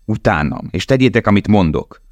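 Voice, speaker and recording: A man voicing a brutal, scornful prisoner foreman who shouts commands. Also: low-pitched, animated, no echo, pitched above the performer's own voice. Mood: harsh shouting.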